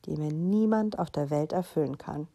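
A woman reading aloud and voicing a small, curious boy in a higher, eager tone. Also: moderate pace, gravelly, dark tone. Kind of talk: read-aloud storybook voice.

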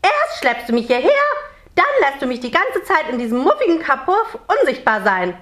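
A woman voicing a tiny grumpy male water sprite with shaggy green hair, indignant and loud in a storybook reading. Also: high voice, sing-song, moderate pace, roomy sound, voice pushed up.

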